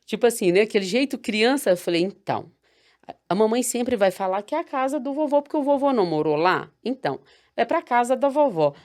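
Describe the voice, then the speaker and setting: A woman in her thirties from Brazil, talking through a personal story in a soft, reflective way with frequent restarts. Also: on the high side, expressive, a little fast. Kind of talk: casual chat.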